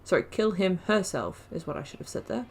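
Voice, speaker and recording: A gaming channel host narrates her own let's-play in a fairly low, gravelly, slightly rough yet a little mellow voice, animated and a bit quick. She thinks aloud, rambles, corrects herself mid-sentence and tosses in casual, slangy asides.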